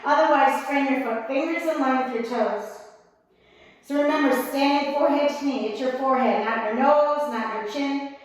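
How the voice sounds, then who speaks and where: A woman with a high voice leads a yoga class, her calm cues a little breathless because she holds each pose herself. She sounds set back from the mic, and her voice rings through a very echoey room with a long reverb tail. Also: moderate pace, far from the mic. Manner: calm, encouraging cues while holding poses herself. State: slightly strained breath while in poses. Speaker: yoga instructor. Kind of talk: guided yoga class instruction.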